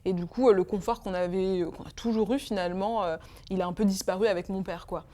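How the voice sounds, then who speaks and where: In an emotional interview, a young Congolese woman in her twenties answers as a guest, stumbling with fillers and restarts. Her mid-range voice is steady in tone, dark, and fast.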